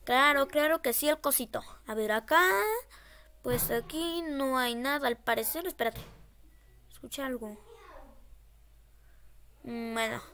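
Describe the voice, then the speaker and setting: A woman's voice: high voice, measured pace, pauses often, bright, forceful tone, a little hiss or hum. A woman horror game streamer giving casual, scared gameplay commentary, nervously repeating short phrases.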